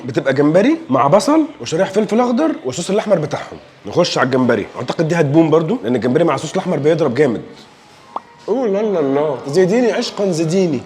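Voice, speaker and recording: A man's voice: on the high side, a little mellow. A young man with an Egyptian Arabic accent, reviewing dishes in a casual food vlog, joking and enthusiastic as he tastes. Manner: playful, joking, enthusiastic tasting remarks.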